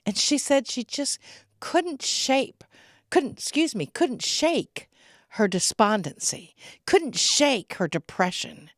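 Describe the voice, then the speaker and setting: A middle-aged woman giving an inspirational spiritual talk, slow and reflective, with laughs between her stories. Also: sits high, big pitch swings, no room sound, studio quality.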